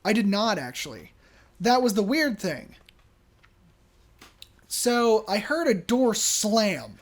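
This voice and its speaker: A podcast host casually telling a work story, animated and chatty, acting out the people in it. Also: medium pitch, slow. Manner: chatty, many fillers and restarts.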